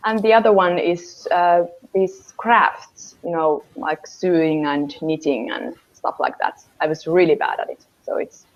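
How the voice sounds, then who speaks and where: A native Finnish speaker in her twenties from Finland answers interview questions over a video call from a small room at home, her voice on the low side and steady. With a Finnish accent, she speaks hesitantly, often pausing to hunt for English words and using many fillers. The video call audio is dull and lo-fi.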